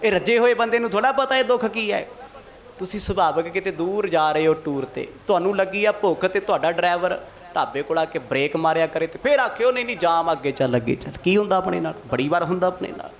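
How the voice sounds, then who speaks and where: A male preacher telling a religious story as a sermon, animated and calling out responses to the congregation. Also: high-pitched, fast.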